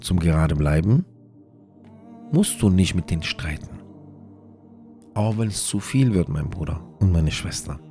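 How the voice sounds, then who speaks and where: A man's voice: low-pitched, lively intonation, measured pace, long pauses, dark tone, soft background music. A man hosting a religious audio series, giving earnest, repetitive advice in an informal way and mixing in Arabic religious phrases.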